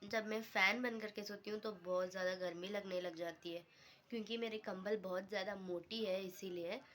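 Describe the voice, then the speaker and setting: A woman vlogger with a hoarse voice from a cold, chatting casually and rambling to her viewers. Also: mid-range voice, a little slow, pauses often, pushed and bright. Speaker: lifestyle vlogger. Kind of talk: casual vlog talk to viewers.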